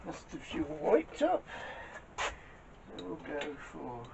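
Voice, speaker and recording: A man's voice: a little high, wildly swooping pitch, takes it slowly. A man, talking casually to himself and the camera while repairing a small engine, short of breath at times. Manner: muttering to himself while working. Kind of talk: casual workshop commentary. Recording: dull lo-fi audio with clear background noise.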